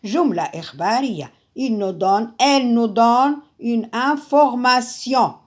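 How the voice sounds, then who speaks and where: A woman teaching a grammar lesson, repeating each example slowly and explaining it again in Arabic. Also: on the high side, a little mellow. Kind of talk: slow classroom grammar lesson.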